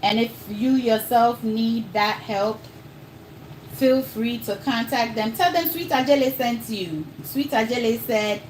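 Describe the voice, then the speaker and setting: Speaking with an accent somewhere between Ghanaian and American, a woman hosts a casual live cooking stream, chatting straight to her viewers and calling them y'all. Her voice sits on the high side and moves a little slowly. The audio is poor, with slight background noise.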